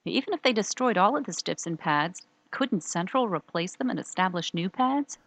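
A woman's voice: on the low side, lively intonation, normal speed, no echo. A woman playing an earnest, questioning rookie time-travel agent in an audio drama.

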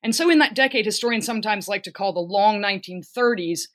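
A woman's voice: medium pitch, fast talker, a bit bright. A woman hosting a book interview, reading a prepared introduction and then asking long questions full of fillers. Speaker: podcast interviewer.

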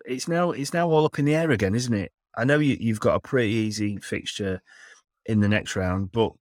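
A man in his thirties hosting a casual sports chat podcast, with a teasing, sweary way of talking, keeping it fairly quiet. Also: lowish voice, a little fast, no echo, clean studio sound. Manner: speaks quietly at home late at night. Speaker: podcast host.

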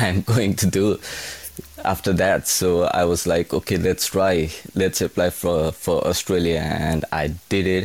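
A young man from Nepal, a kitchen hand answering interview questions in a halting way, often restarting his words. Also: deep voice, no room sound. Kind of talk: casual interview.

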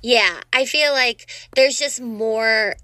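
This youthful woman in her twenties, a dancer and voice actor, chats openly as a guest in a relaxed interview, full of "you know"s and upbeat energy. Her voice is a little high, bright and forceful, and she speaks slowly on a dry recording.

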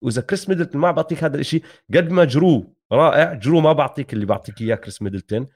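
A man's voice: on the high side, expressive, rapid-fire, darkish tone. A man with a Levantine Arabic accent giving casual basketball analysis, mixing English sports terms into his Arabic. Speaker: sports talk show co-host.

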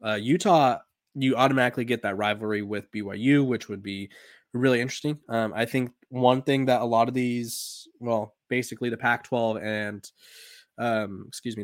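A sports podcast host in his twenties speaks a little fast in a steady, medium-pitched tone, captured dry at studio quality. He chats casually and rambles, with many "um"s, fillers, and restarts.

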